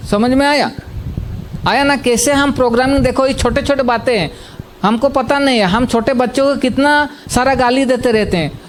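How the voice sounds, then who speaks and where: A man acting as a healing teacher gives a self-help talk, repeating his points and often asking "samajh mein aaya?" to make sure listeners follow. His voice is extremely high-pitched at a normal speed, with a little hiss or hum.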